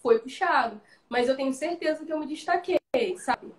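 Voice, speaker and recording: A woman's voice: high-pitched, normal speed. A Brazilian woman, a guest actress, telling stories animatedly in a casual live chat over a video call. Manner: animated storytelling, slangy. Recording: roomy echo.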